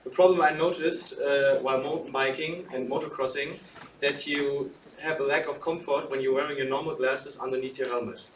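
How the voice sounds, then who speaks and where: A man's voice: mid-range voice, fairly even intonation, brisk. A young man presenting a student project, often restarting as he searches for words. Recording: echoey room, distant mic, noise.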